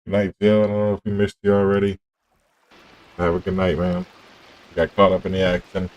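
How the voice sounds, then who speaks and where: A man's voice: low-pitched, monotone, a little fast, muffled recording. A man hosting a game livestream, chatting in a laid-back, easygoing way with his friends. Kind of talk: casual gaming chat.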